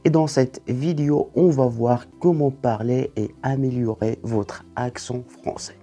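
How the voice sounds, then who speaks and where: A man's voice: medium pitch, steady tone, unhurried, mellow, faint music behind. A man teaching a French language lesson online, explaining things methodically, step by step.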